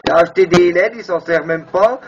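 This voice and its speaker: An amateur radio operator who also makes videos banters casually over the air, teasing and being crude. His voice is high-pitched and fairly quick. The FM radio chat sounds muffled and very noisy.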